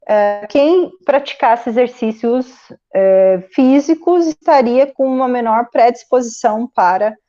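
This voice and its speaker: A Brazilian woman psychologist giving a relaxed career guidance talk to students, often ending phrases with a questioning "né?". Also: on the high side, muffled recording. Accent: Brazilian Portuguese. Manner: conversational, frequent "né?" tag questions.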